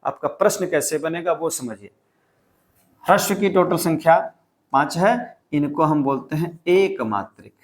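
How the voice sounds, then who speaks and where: A man's voice: a little high, a little slow. A male teacher giving an exam-prep lecture, explaining step by step and repeating key points.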